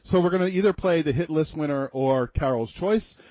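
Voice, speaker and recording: A man co-hosting an internet radio show in casual chat, jokey and quick to laugh, stumbling over his words. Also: a little high, mellow, no room sound.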